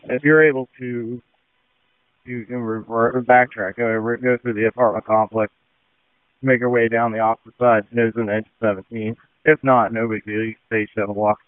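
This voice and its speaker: A man's voice: mid-range voice, flat delivery, moderate pace, clear, resonant tone, no echo. An American man acting as a fire incident commander, giving orders over two-way radio. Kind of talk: emergency radio dispatch traffic. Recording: muffled, tinny two-way radio audio.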